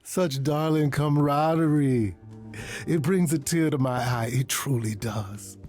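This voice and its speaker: An actor playing a suave, teasing immortal trickster god in a video game, with flowery, arch courtesy. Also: male voice, on the high side, unhurried, a little mellow, soft background music. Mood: theatrical, mischievous.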